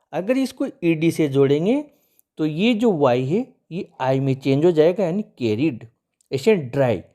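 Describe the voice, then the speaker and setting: Lively-voiced male English teacher. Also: fairly high pitch. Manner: patient, walks through examples step by step; addresses viewers as friends. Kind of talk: explaining spelling rules.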